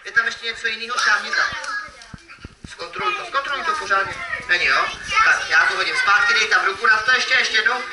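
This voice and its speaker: A man's voice: high-pitched, expressive. Playful male kids' magician, echoey and distant. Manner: playful, teasing, calls out to kids and audience. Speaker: children's magician. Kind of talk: live magic show for kids. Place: event hall with audience. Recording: echoey, distant mic, noisy ambience.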